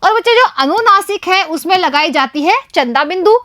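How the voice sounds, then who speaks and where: A woman's voice: very high voice, animated, normal speed, a bit bright, no room sound, clean studio sound. A woman with an Indian accent, a primary school teacher explaining a Hindi lesson to young children, asking questions and answering them herself. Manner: keeps addressing the children, asks and answers her own questions.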